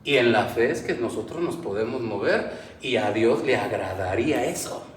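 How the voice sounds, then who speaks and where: A man's voice: medium pitch, animated, normal speed, slight background noise. A male pastor preaching a sermon with impassioned rises and falls, in a church hall. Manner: impassioned preaching, voice rising and falling. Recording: roomy church sound from a distance.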